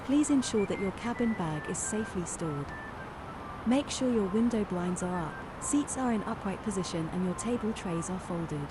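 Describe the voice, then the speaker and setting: A woman voicing a flight attendant, reading pre-recorded cabin announcements in a polite, formal, measured way. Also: mid-range voice, animated, noisy background, close to an everyday voice.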